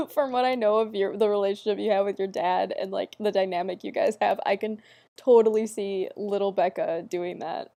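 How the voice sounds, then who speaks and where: Young woman, podcast co-host, mid pitch, laughs easily, relaxed chat. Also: moderate pace, gravelly. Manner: laughs a lot, trails off quietly. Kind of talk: casual chat.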